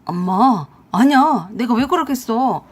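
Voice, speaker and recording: A woman voicing a lazy, scheming husband who whines and pleads in a lowered voice. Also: lively intonation, moderate pace, a little mellow, breathy edge. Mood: whiny. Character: lazy, scheming husband, grown man, whiny and sly.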